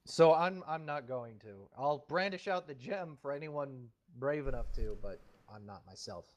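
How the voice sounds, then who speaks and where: A man's voice: mid-range voice, animated, normal speed, darkish tone. A man chatting casually as a player in a tabletop roleplaying game.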